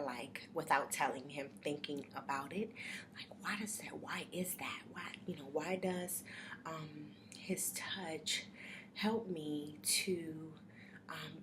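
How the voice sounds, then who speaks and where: A young woman in a casual, confessional vlog. She talks softly and reflectively and thinks aloud, with many fillers and restarts. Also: deep voice, measured pace. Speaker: vlogger sharing personal reflections. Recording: steady background noise.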